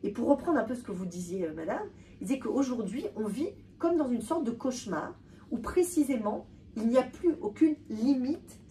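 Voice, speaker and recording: A woman giving an animated talk to an audience, often repeating and restarting words. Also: a little high, normal speed. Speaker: lecturer. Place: hall with a live audience. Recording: distant voice with faint room noise.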